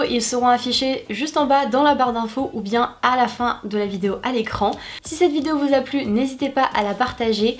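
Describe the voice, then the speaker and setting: A young woman vlogger talking casually to her viewers, chatty, with many fillers and restarts. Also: high voice. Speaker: YouTuber. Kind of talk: casual talk to camera.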